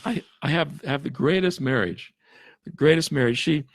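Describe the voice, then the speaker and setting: A man's voice: a little high, no echo. A man, a forensic interviewer, talking casually as a podcast guest, with frequent restarts and chuckles. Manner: halting, many restarts, chuckles often.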